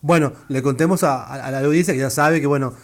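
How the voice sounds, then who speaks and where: An Argentine radio host with a medium-pitched voice talks quickly while conducting an interview, filling his speech with fillers and restarts.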